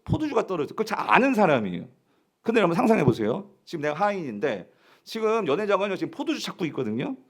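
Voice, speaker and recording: Male pastor, high and very expressive voice, preaching to his congregation in a question-and-answer style. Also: racing. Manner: animated, asks the congregation questions and answers them; acts out characters' quoted lines. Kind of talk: sermon. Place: church sanctuary.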